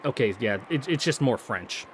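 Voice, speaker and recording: A man's voice: mid-range voice, animated, moderate pace, a little hiss or hum. A man reading a visual novel aloud, breaking off for casual, self-mocking asides and puzzling over pronunciations. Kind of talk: read-through with joking asides.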